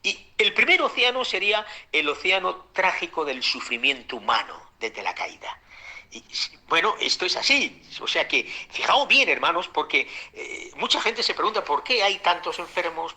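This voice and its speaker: A fervent male pastor teaching a Bible-school sermon, his voice very bright and cutting, pitched a little above the usual. He talks with lots of fillers and repeated words, dropping at times into whispered asides and calling his listeners brothers.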